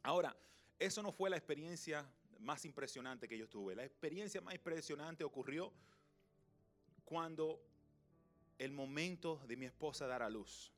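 Male pastor, young, storytelling sermon, slightly high voice, soft music beneath. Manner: storytelling, swings from loud to soft and slow.

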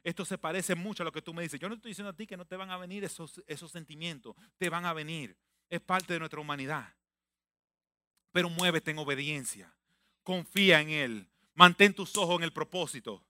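A man preaching a sermon emphatically, repeating phrases and swinging between loud declarations and hushed, reflective passages. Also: a little high, a little fast, no echo. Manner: mixes in English phrases.

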